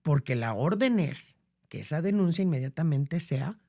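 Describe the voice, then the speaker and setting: Middle-aged woman, podcast guest, animated storyteller who voices the people in her anecdote. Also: deep voice, normal speed. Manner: animated, acts out quoted voices. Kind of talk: casual conversational storytelling.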